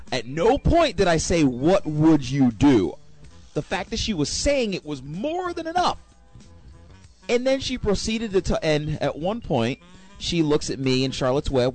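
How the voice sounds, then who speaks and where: A young man telling a rambling, animated anecdote, correcting himself as he goes. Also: on the high side. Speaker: storyteller. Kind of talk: casual anecdote.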